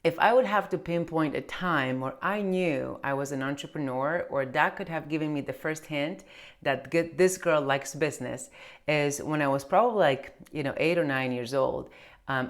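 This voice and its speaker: A Romanian accountant and business owner, Romanian her first language, chats casually to camera in a low voice. She's talkative, with many fillers and restarts.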